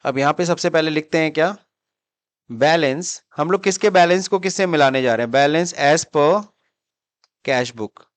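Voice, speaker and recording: A man's voice: on the high side, dry recording. A man teaching accounting in a classroom-style lecture, mixing Hindi with English terms and repeatedly asking students questions as he explains. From India.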